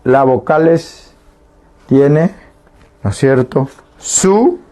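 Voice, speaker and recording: A man's voice: mid-range voice, lively intonation, drawn-out words, warm tone. A man teaching a Guarani language lesson on the radio, patiently explaining and often checking that listeners understand. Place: radio studio.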